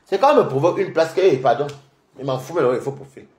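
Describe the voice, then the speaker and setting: Young male streamer, mocking and combative, pitch swinging widely, echoey room. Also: animated, a little mellow. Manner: taunting, mocking, rapid-fire. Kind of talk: heated livestream rant.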